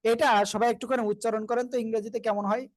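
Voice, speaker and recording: High-voiced man teaching Quran recitation. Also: flat delivery, quick pace, a loud crowd. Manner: patient, repeats and drills, asks the class to recite together. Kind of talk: online group class teaching.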